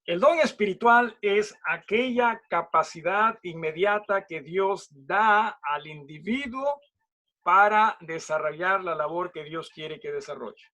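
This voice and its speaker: A Peruvian pastor teaches a Bible study in a loose, conversational way, checking in with his listeners after almost every phrase. He is a man with a fairly high speaking voice. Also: bright, forceful tone. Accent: Peruvian Spanish. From Peru. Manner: chatty, asks "¿no?" and "¿sí?" after nearly every phrase, jokes.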